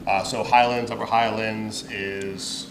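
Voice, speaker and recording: A man co-hosting a relaxed podcast from a cigar lounge. He is animated and joking, often breaking into loud bursts of talk. Room noise runs clearly under his voice. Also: on the low side, slow, distant mic. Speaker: podcast co-host. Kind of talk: casual chat.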